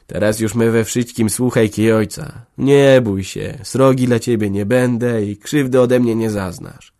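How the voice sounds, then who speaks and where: A man's voice: medium pitch, fairly even intonation, measured pace, warm tone, no echo, studio quality, lightly acted. Man playing hearty young village husband, firm, a touch raised, storybook role.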